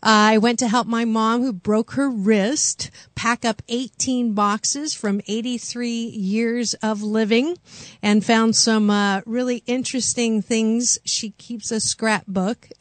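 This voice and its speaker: A woman's voice: a little high, fairly even intonation, slow, no room sound. A woman hosting a talk radio show in a chatty, exclamatory, casual way. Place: radio studio.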